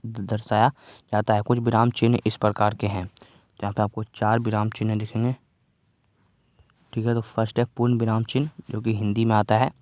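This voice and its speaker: Guy teaching little kids a worksheet, kinda low flat voice, patient, keeps asking if they got it, dry sound. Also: dry recording. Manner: patient, repeats phrases and keeps asking "theek hai?". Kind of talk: casual online lesson for children.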